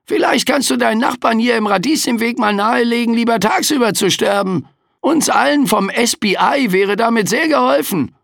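A man's voice: extremely high pitch, normal speed, gravelly, fairly bright tone, dry recording, clean studio sound, voice pushed up, full character voice. A man voicing a grumpy, overworked male Grim Reaper skeleton in an audiobook, grumbling and cheeky. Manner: grumbling, cheeky, tags questions with "hä". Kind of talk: audiobook character voice.

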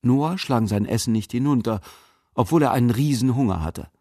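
A man narrating a fairy-tale audiobook in an expressive storytelling manner. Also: medium pitch, normal speed, no echo, clean studio sound.

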